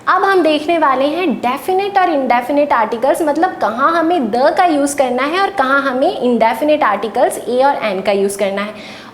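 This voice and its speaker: The recording catches a woman teaching a class, patient in her lecturing and responding to her own questions, in a space that echoes and carries a faint rumble.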